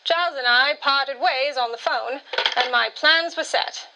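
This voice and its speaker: A woman's voice: high voice, measured pace, bright, forceful tone, slight background noise, rough recording. A woman narrating and acting her own part in a radio drama, witty and self-assured. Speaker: storyteller.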